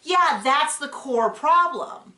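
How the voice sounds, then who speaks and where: Recapping a reality show on her podcast, this woman rambles chattily and often acts out what other people said. Her voice sits high and sounds animated and sharp, with a slow pace, and the recording has a roomy echo.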